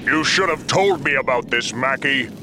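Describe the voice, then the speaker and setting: A man voicing a stern, humorless but loyal warship admiral in an audio drama, speaking in a formal, pompous, deliberate way. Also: mid-range voice, heavy background noise, close to an everyday voice. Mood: stern, grudging. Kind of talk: audio fiction drama acting.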